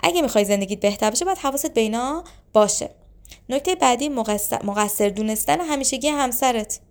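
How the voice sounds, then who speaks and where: A woman's voice: fairly high pitch, expressive. A woman giving relationship advice, explaining points one by one and acting out short example lines. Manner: instructive, acts out short example lines of couples arguing. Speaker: relationship advisor. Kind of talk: advice talk to camera.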